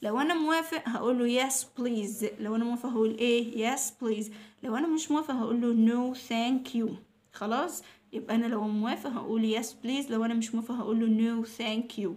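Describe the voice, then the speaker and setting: Patient Egyptian teacher woman, higher voice. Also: a little mellow. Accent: Egyptian Arabic. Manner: patient, repeats each new word slowly several times. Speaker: English teacher. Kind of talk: recorded lesson for young children.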